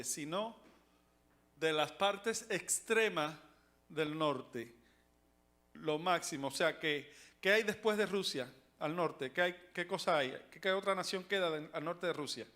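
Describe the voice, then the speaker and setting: Leading a Bible study class, a man speaks haltingly, full of fillers and restarts, and puts questions to the class. His voice is fairly high-pitched with a fairly bright tone.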